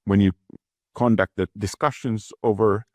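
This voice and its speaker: A man speaking as a guest executive in a business interview, measured and thoughtful, often restarting and repeating words. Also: fairly low pitch, steady tone, no echo.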